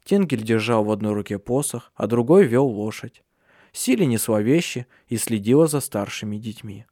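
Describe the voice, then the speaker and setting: A man narrating a dark fantasy audiobook in a measured, expressive reading. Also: medium pitch, no room sound, clean studio sound.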